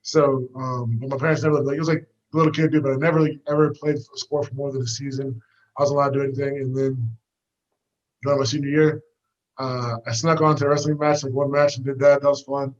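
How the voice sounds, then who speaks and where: A young American fighter, appearing as a guest, rambles easygoingly about his past while out walking, with plenty of fillers. His medium-pitched voice is flat and quick, and the audio is dull. It's a casual storytelling interview.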